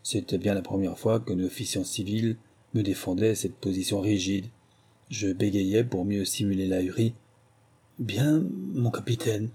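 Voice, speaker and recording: A man narrating a novel in a steady, measured storytelling voice. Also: low voice, breathy edge. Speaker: audiobook narrator.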